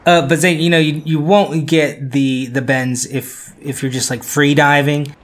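A man's voice: on the high side, flat delivery, measured pace. Laid-back man explaining diving science. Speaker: podcast co-host explaining facts. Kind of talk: casual explanatory chat.

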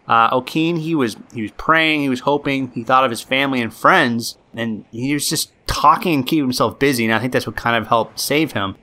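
A man co-hosting a podcast, telling a story in an animated, casual way full of likes and fillers. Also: medium pitch.

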